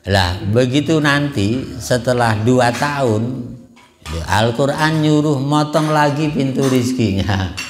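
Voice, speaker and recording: A man's voice: medium pitch, slow, slight background noise. A middle-aged man giving a casual sermon in a small prayer hall, full of rhetorical "ya kan" asides and light chuckles. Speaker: ustadz giving a religious study talk.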